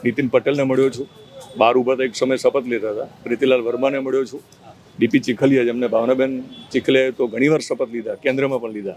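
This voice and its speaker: A man interviewing a politician, asking slow, thoughtful questions with hesitations and addressing viewers directly. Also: medium pitch, fairly even intonation, a little mellow. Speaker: interviewer and news reporter. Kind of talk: conversational interview with asides to viewers.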